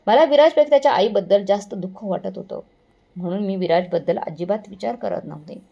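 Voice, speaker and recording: A woman's voice: medium pitch, quick pace, creaky, dark tone, highs cut off. A woman narrating a first-person moral story in an earnest, somber way, sometimes correcting herself.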